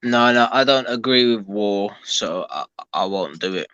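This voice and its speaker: Man, low bright voice, dry close sound, hesitant casual chat on a call. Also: lively intonation, unhurried, smooth, dry recording, lo-fi sound. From London, England. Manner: hesitant, many ums and restarts.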